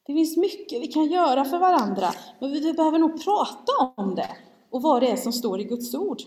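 A woman's voice: high-pitched, big pitch swings, a little mellow. A woman preaching a sermon, candid and self-mocking as she tells a family story. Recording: long hall reverb.

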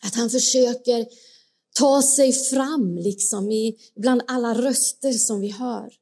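Woman preacher, earnest, slightly high voice, asks the congregation questions. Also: warm tone, slightly rough. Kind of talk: sermon.

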